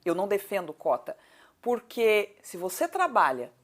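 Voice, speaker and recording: In an interview, a southern Brazilian city council candidate, thirty-eight and from Paraná, speaks at normal speed with a mid-range voice that swings widely in pitch. Her replies are conversational yet emphatic, circling back to points and asking rhetorical questions, in a southern Brazilian accent.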